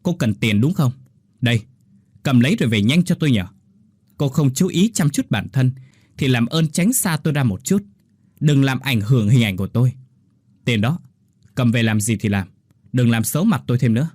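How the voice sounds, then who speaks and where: A man's voice: mid-range voice, sing-song, fairly quick, darkish tone, dry recording, clean studio sound. A man voicing an arrogant, angry husband who scolds his wife harshly and with contempt. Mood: contemptuous anger. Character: angry arrogant male sales director husband.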